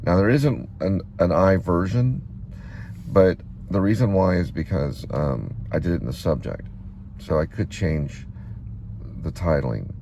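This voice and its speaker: A middle-aged vlogger and amateur playwright rambles casually, reminiscing and spelling things out as he wanders, with noise behind him. His low voice is creaky and dark, a little slow, with lively intonation.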